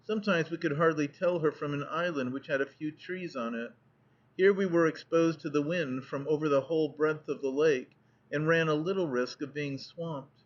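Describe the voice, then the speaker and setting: A man narrates a nineteenth-century travel account as an audiobook, keeping a steady, measured delivery. His voice is slightly high, and the lo-fi recording sounds dull.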